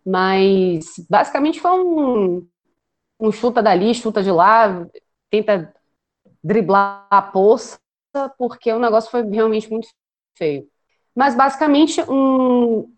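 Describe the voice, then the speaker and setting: Female sports podcast host, conversational and slightly halting. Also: mid-range voice. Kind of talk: conversational sports match recap.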